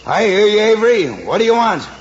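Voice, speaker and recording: An American actor playing a wary, gruff middle-aged rancher in an old-time radio western, with a terse, commanding manner. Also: male voice, mid-range voice, very animated, moderate pace, a bit bright. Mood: calling out. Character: wary, gruff rancher and father holding captives. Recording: muffled, noisy old radio recording.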